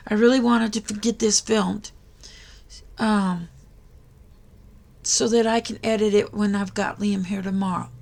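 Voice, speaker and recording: Tired, slow-talking woman with a gravelly voice. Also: on the high side, a little mellow. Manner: tired, yawning, late-night talk. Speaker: crafting channel host. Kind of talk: casual tutorial talk to viewers.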